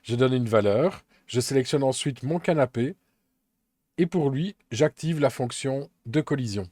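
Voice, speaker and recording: Calm man narrating a software tutorial. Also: mid-range voice, measured pace, dry recording, clean studio sound. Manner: calm, methodical step-by-step explaining with occasional fillers. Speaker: Blender tutorial instructor.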